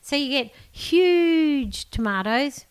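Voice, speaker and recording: A woman's voice: high-pitched, animated, slow pace. A middle-aged woman. She chats casually and colloquially, giving blunt, jokey advice as a gardening expert. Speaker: gardening expert answering listener questions. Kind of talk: casual chat.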